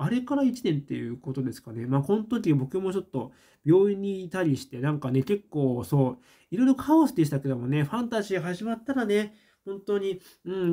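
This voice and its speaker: A man's voice: fairly high pitch, warm tone. Man musing casually with many fillers. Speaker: host. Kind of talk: casual livestream chat reading comments.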